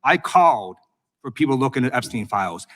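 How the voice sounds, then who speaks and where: A man's voice: mid-range voice, expressive, fairly quick, a bit bright. An American man questioning a witness at a formal hearing as a congressman, prosecutorial, insistent and accusatory. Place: government hearing room.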